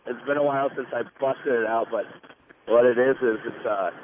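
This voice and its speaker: A man, a radio show producer, calling in over a phone connection that keeps breaking up, so his words come out halting and repeated. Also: medium pitch, fairly even intonation. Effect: choppy, breaking-up phone connection. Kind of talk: casual call-in chat. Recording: noisy, tinny phone line.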